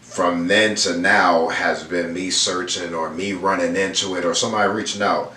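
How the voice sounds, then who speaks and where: A man in his thirties from Houston, Texas, speaks in a low, steady, sharp voice at a moderate pace, chatting casually as a guest painter in an interview. His talk is laid-back and slangy, full of fillers. He sits on a leather couch indoors, recorded from a distance with roomy echo, slightly off mic, over faint room noise.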